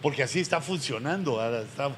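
A middle-aged man preaching to pastors, earnest and pleading, with sudden loud emphatic rises. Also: medium pitch, lively intonation, fast talker. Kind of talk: sermon to pastors. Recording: long hall reverb, faint background noise.

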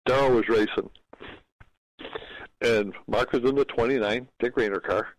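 A former race car driver, a man, telling racing stories in a relaxed, anecdotal way as a guest on a talk show. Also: medium pitch, normal speed, dry recording, rough recording. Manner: relaxed anecdotal storyteller who acts out dialogue. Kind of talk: casual interview storytelling.

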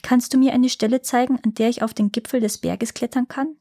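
A woman's voice: fairly high pitch, steady tone, a little fast, dark tone, pitched above the performer's own voice. A brave, kind young girl from a storybook speaks earnestly and politely, as a woman reading the tale puts her on. Her voice rises well above the reader's own. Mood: friendly.

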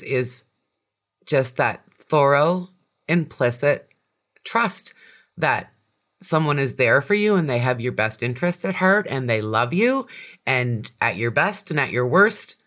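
A woman's voice: deep voice, fairly bright tone. A woman in her forties, a podcast guest, talking in a reflective, casual way and laughing often. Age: 40s. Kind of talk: casual chat.

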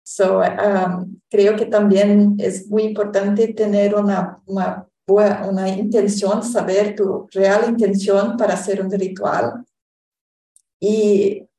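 An echoey, slightly distant recording of a woman. She speaks slowly and with a mellow tone. Her casual sharing is hesitant and drifts between languages. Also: medium pitch, flat delivery. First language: Portuguese. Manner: hesitant, slipping between Spanish, Portuguese and English. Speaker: panel participant. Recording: echoey room, distant microphone.

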